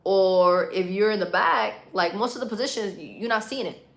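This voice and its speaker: A woman's voice: mid-range voice, moderate pace, gravelly. Casual Puerto Rican woman livestreamer. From Puerto Rico. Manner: informal, slangy, playful. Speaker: livestream host. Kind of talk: casual live-stream chat answering viewer comments.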